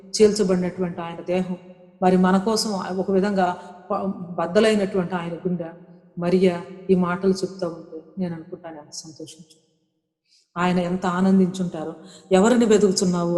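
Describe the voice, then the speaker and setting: A woman's voice: on the low side, little pitch movement, moderate pace, dark tone. A woman delivers a sermon with earnest conviction, circling back to the same phrases and mixing in English words. Her voice rings through a roomy hall with a long reverb tail. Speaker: preacher.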